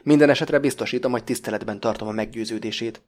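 A man's voice: medium pitch, darkish tone, lightly acted. A man doing a brusque sarcastic interrogator. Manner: curt, mocking, dismissive.

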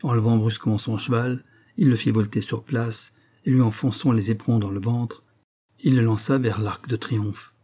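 A man reads a novel aloud in measured, scripted narration. His voice is dark and mellow, with a husky edge. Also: medium pitch, fairly even intonation. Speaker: audiobook narrator.

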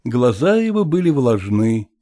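A man reading a classic novel aloud as narrator, in a measured storytelling manner. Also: mid-range voice, big pitch swings, mellow, dry recording, studio quality. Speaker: audiobook reader. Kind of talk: literary narration.

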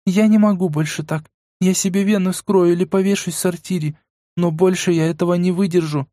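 Brief: a man doing a scared tearful young woman, higher voice, pleading and trembling, dry studio read. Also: fairly even intonation, fairly quick, mellow, dry recording, lightly acted. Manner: pleading, whimpering, tremulous. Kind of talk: audiobook character voice.

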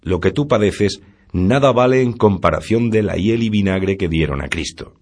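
A man's voice: low-pitched, lively intonation, moderate pace, a little mellow. A man reading aloud, voicing a stern, pious noblewoman who scolds her husband in a preachy way. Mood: scolding.

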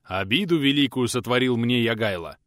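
A man voicing an aggrieved medieval male prince who declaims his grievances gravely and solemnly. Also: medium pitch, expressive, brisk, a bit bright, dry recording, studio quality, close to an everyday voice.

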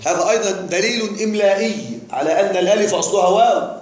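A man lectures fast in a high-pitched voice on Arabic grammar, frequently quizzing students with repeated questions. The recording has classroom echo and faint noise.

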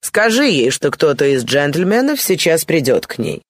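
A reader voicing a jovial middle-aged colonel who makes loud announcements to the company, in an audiobook. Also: medium pitch, big pitch swings, normal speed, no echo, studio quality. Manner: loud, declaiming.

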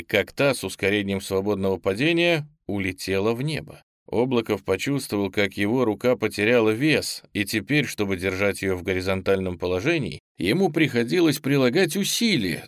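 A man narrating an audiobook in an even, measured way. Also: on the low side, dry recording, studio quality.

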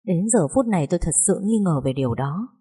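A woman narrating a first-person story audiobook with a steady, expressive reading. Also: fairly low pitch, brisk, husky.

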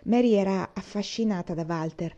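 A woman reading a novel aloud in a calm, even storytelling manner. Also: mid-range voice, moderate pace, lo-fi sound. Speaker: audiobook reader.

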